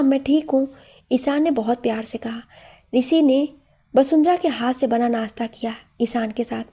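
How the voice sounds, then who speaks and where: A woman narrating a love story in a calm, steady reading. Her voice sits slightly high, with a mellow warmth and a soft, husky breathiness.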